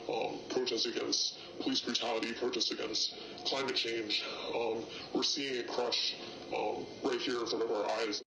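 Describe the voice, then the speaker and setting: An anonymous forest defender gives halting eyewitness testimony through a voice-disguising effect. The distorted deep voice stays in a narrow, flat pitch range, in a roomy, echoing recording with clear noise behind it.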